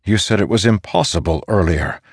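Speaking low and a little fast, with a slightly rough edge and no room sound, a male narrator plays a weary yet defiant commanding general in a fantasy audiobook. The mood is challenging; his delivery stays earnest and demanding, captured dry and up close.

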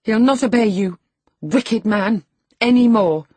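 A narrator voicing a reckless, sharp-tongued young woman, pert and taunting, in an audiobook. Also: medium pitch, steady tone, measured pace, slightly rough, no room sound.

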